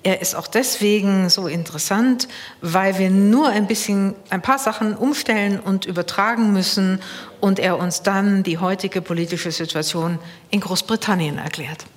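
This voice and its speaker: A woman's voice: medium pitch, normal speed, long reverb tail. A woman critic on a radio literary panel, setting out her points in a concise, precise way.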